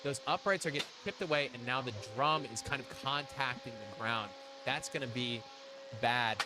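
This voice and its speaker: A young man doing casual live commentary on robot combat, laughing easily and getting excited at big hits. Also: medium pitch, moderate pace, music in the background.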